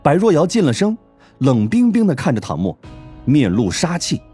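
A man narrating an audiobook in expressive, wide-ranging storytelling. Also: a little high, moderate pace, slightly rough, faint music behind. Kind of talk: scripted narration.

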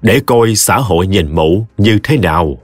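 A man voicing a stern, indignant elderly father who speaks gravely and firmly. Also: deep voice, lively intonation, a little slow, no echo, soft background music. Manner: grave, firm.

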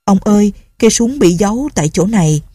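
A humble old servant in a spoken story, eager to please his master and pleading his loyalty, as a woman narrator puts him on. The voice is husky and mellow. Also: medium pitch, lively intonation, brisk, no room sound, studio quality, voice pushed up. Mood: earnest. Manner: pleading and deferential.

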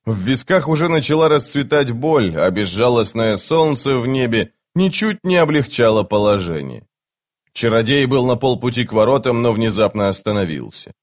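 A man narrating a fantasy audiobook in a measured, steady way. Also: medium pitch.

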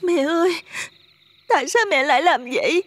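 A man's voice: very high voice, moderate pace, fairly bright tone, voice pushed up. A male narrator voicing a grieving young daughter who confronts her mother, strained and tearful. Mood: anguished. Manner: strained, tearful, then cold. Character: grieving young daughter, torn but resolute. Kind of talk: storytelling with character voices.

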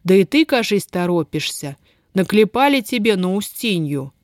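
A woman doing a gruff, grim village elder. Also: medium pitch, very animated, moderate pace, darkish tone, no echo, studio quality, lightly acted. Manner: gloomy, restrained anger. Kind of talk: audiobook character voice.

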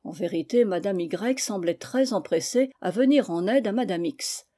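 A woman reading a humorous novel aloud in a steady storytelling manner. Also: medium pitch, normal speed. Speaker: audiobook reader.

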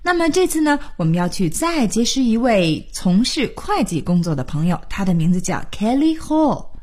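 Radio teacher, female, husky tone, lively melodic delivery, patient and methodical. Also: medium pitch, normal speed. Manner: patient, spells words letter by letter. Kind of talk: studio radio lesson. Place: radio studio.

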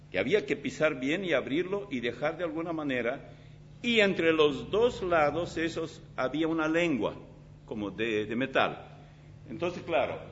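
A man preaching a sermon as pastor in a church, in an animated, dramatic way with vivid illustrations. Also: a little high. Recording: slightly dull recording with faint hum.

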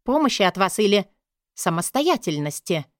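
A woman voicing a scarred female military commander who speaks loudly, curtly and with mockery. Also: medium pitch, big pitch swings, moderate pace, no echo, clean studio sound, lightly acted.

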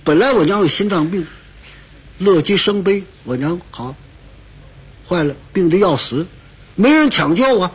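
A man's voice: high voice, expressive, unhurried, pauses often, husky. A man performing a solo comic crosstalk story in a plain, chatty way, repeating and restarting his words. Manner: plain, conversational delivery with many repeats and restarts.

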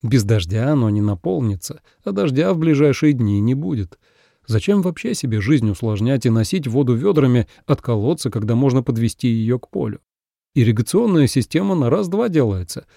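A man narrating an audiobook with expressive storytelling. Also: mid-range voice, a little fast, creaky, dry recording, studio quality.

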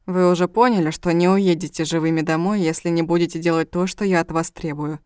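A woman's voice: lowish voice, fairly even intonation, fairly quick, darkish tone, clean tone, no echo, studio quality, natural voice. A woman voicing a ruthless male gang leader who speaks coldly and threateningly. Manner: cold, threatening.

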